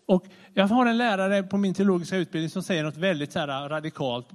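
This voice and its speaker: A man preaching a sermon in a conversational, animated way, often restarting his sentences. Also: sits high. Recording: long reverb of a large hall.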